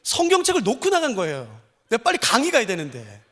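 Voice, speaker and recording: A middle-aged man preaching a sermon as pastor, telling stories with animated swings from hushed to loud. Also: extremely high pitch, fast talker. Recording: long reverb of a large church hall.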